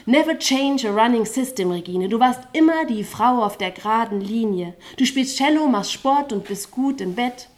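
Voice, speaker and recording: A woman's voice: fairly high pitch, lively intonation, moderate pace, hardly any pauses. A woman performing spoken-word poetry on a live stage without a microphone, with rhythmic delivery and stuttering, chant-like refrains.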